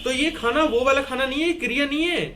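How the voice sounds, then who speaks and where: A man's voice: very high voice, fast talker, noisy background. A man teaching a Hindi grammar lesson at a board. He asks and answers his own questions and repeats key words. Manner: writes and erases on a board while explaining.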